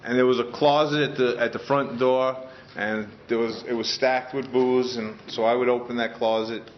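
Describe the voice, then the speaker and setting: A man's voice: mid-range voice, flat delivery, moderate pace, a little hiss or hum. Earnest New man sharing his story. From Queens, New York. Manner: earnest and heartfelt, with frequent restarts. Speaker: speaker sharing his story at a recovery meeting. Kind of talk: personal testimony to a group. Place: meeting room in front of a group. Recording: dull lo-fi sound.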